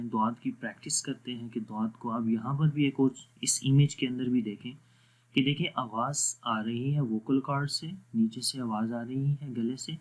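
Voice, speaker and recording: A man with an Urdu accent teaching Quran pronunciation in an online tajweed lesson. He explains patiently, checks that students follow, and slowly stretches out letters in practice drills. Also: medium pitch. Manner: patient, explanatory, repeats "theek hai" to check understanding; drawn-out slow recitation of letter drills.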